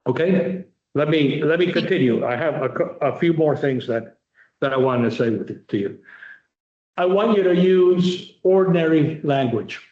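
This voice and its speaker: A man lecturing students on moot court advocacy, emphatic and repetitive, slowing right down to stress key points. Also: fairly high pitch, lively intonation, reverberant, highs cut off. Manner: emphatic, repetitive, direct coaching; varies pace, slowing sharply for emphasis.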